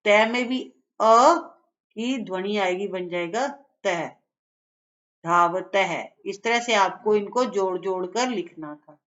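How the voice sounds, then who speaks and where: A woman's voice: medium pitch, slow, muffled recording. A woman teaching a children's lesson, patiently explaining each step.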